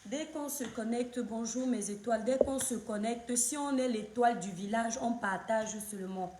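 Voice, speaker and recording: A woman from Cameroon, hoarse from a cold, hosting a casual live stream and greeting viewers by name over and over. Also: a little high, measured pace, echoey room, background noise.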